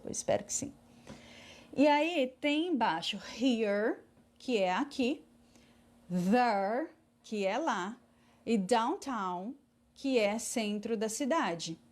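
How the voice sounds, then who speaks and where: A woman teaching English in an online class, patiently explaining and repeating English words slowly for pronunciation. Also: medium pitch, darkish tone.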